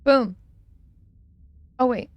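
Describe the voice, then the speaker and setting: A woman's voice: extremely slow, dry recording, highs cut off. A young woman streaming from home and chatting casually on a close desk mic, rambling with lots of fillers and frequent laughs. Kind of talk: casual chat while gaming.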